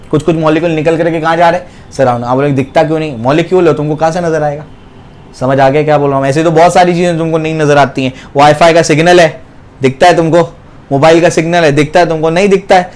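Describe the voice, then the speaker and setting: Male chem teacher, bit high voice, keeps asking "clear hai?" and answering his own questions. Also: darkish tone. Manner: repeats questions and answers them himself, keeps checking understanding; uses everyday home examples. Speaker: chemistry teacher. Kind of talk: classroom lecture.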